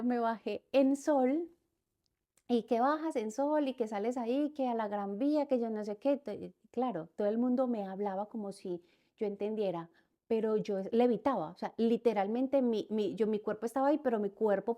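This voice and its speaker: A woman's voice: on the high side, normal speed, mellow. A woman, a podcast guest, telling a personal story, repeating phrases and acting out what people said. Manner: repeats words and phrases as she recounts events; acts out quoted speech within her story.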